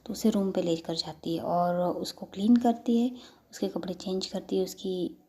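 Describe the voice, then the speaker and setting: A woman's voice: mid-range voice, moderate pace, mellow. A woman narrating a love story in a casual, conversational storytelling way. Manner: conversational retelling, frequent "to ... kehti".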